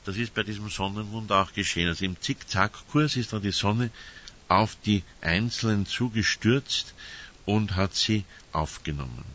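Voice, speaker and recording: Older priest with a lilt, lowish forceful voice, chatty sermon full of "nicht?" asides, muffled lo-fi sound. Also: male voice, normal speed. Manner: conversational, frequent tag questions. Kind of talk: spoken sermon with anecdotes.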